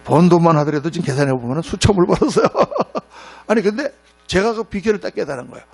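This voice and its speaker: A man's voice: sits high, fast talker, vocal fry, breathy edge, soft background music. A middle-aged male pastor preaching a sermon in a church, telling stories and acting out the quotes. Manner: storytelling with acted-out quotes, animated. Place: church sanctuary. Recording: mains hum.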